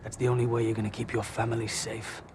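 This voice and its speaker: An actor playing a cold, threatening male crew leader in an action film, speaking in a flat, clipped way. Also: fairly low pitch, fast, close to an everyday voice. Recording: film clip with loud ambient noise.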